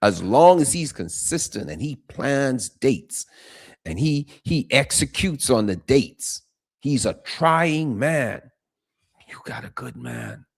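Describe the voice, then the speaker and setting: A man's voice: mid-range voice, sing-song, takes it slowly, creaky, slightly rough. A man hosting a casual relationship advice talk, emphatic and addressing listeners directly. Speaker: podcast host.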